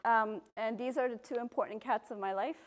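A woman's voice: fairly high pitch, a little fast. Woman giving a public science lecture. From Belgium. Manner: relaxed, explanatory, with frequent ums. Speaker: volcanologist giving a public talk. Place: university lecture room. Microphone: podium microphone, filmed from a far camera.

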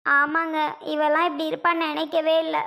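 A woman's voice: sits high, flat delivery, fairly quick, creaky, sharp tone, heavily acted. A woman voicing a young new mother in a cartoon, an emotional sister who pleads with her brother to stay. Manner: pleading, tearful. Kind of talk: cartoon voice acting.

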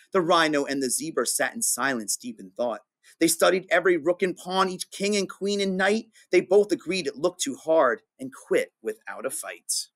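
Expressive man reading a picture book aloud. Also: on the high side. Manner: expressive, sing-song rhyming delivery. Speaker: teacher.

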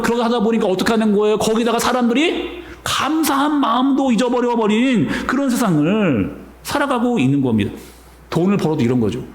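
A male senior pastor delivering a sermon in a church sanctuary, lively and emphatic, sometimes rising almost to a shout. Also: extremely high pitch. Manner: animated preaching, rising to near-shouts for emphasis. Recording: echoey church hall.

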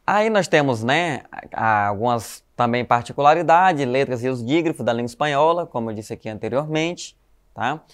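A man's voice: mid-range voice, expressive, smooth. A man with a Brazilian Portuguese accent teaching a Spanish class to schoolchildren, explaining patiently and tagging sentences with "né?" and "tá?". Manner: explanatory, frequent "né?" and "tá?" tags; calls students "galerinha", spells letters slowly. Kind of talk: recorded online class for schoolchildren.

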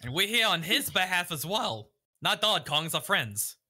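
A man with a high, strikingly bright voice plays a tabletop game. He argues in character with earnest, defiant force. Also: very animated, moderate pace. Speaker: tabletop role-playing player. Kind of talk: impassioned in-character argument.

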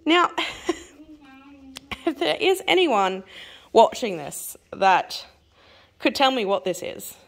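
A woman's voice: high voice, big pitch swings, vocal fry. Chatty Australian woman showing groceries. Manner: chatty, rambling, quick with little laughs. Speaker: family vlogger. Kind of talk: casual grocery haul vlog.

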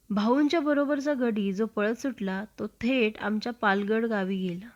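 A woman storyteller reading a classic book aloud in a measured, expressive narration. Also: mid-range voice. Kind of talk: literary narration. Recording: dull lo-fi recording.

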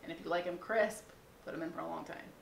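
A woman's voice: lowish voice, fairly even intonation, fast talker, gravelly, slight background noise, poor audio. A woman in her thirties chatting casually while demonstrating a recipe in her home kitchen, giggling and wandering into asides. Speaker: home cooking host.

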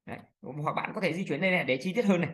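A lowish-voiced woman who teaches video editing races through a screen-recorded software walkthrough. Her chatty delivery is sprinkled with fillers and frequent "đây này" pointers as she clicks from spot to spot.

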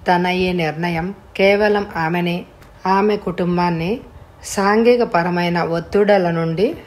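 Woman narrating a story, low-pitched. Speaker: audiobook narrator.

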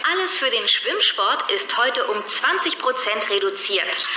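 Woman, store PA announcement, very bright voice, echoey loudspeaker sound, upbeat. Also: fairly high pitch, very animated, unhurried, a little hiss or hum. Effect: over a PA system. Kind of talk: scripted shop announcement.

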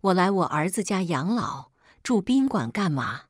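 A woman's voice: lowish voice, big pitch swings, measured pace, no echo, clean studio sound. A woman reading a story, voicing a domineering, unreasonable mother-in-law in her fifties. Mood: angry, scolding. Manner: scolding, unreasonable.

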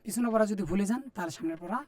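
Very fast and high-voiced, this man with a Bangladeshi Bengali accent leads a letter-by-letter spelling drill in Quran reading. He patiently repeats Arabic letters and vowel marks, talking directly to his viewers.

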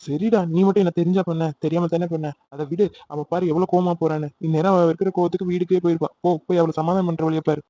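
Male voice for anxious cartoon big brother, rapid, warm-toned, lo-fi. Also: on the high side, fairly even intonation, close to an everyday voice. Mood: fretful. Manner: fretful, placating. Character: fussing older brother and friend.

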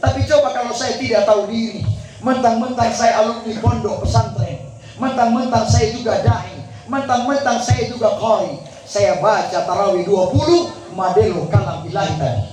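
High-voiced Gorontalo preacher, echoey crowd. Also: male voice, moderate pace. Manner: jokey, animated, chanting recitation in between. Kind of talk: humorous sermon with Quran recitation. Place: large tent venue with audience. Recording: echoey, distant crowd recording.

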